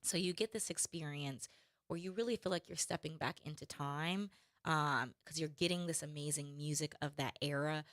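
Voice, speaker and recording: A woman's voice: low voice, fairly bright tone, no room sound, clean studio sound. A woman guest on a radio talk show, talking with enthusiasm about an event she runs. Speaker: guest, brunch show organizer. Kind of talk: casual radio interview.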